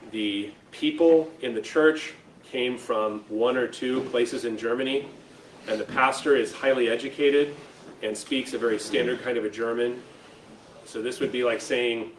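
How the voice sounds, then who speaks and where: An American man, a lecturer, gives an informal educational talk to an audience in a school room, speaking conversationally and checking in with "right?" and "okay?". His mid-range voice carries roomy echo, faint noise, and a distant mic.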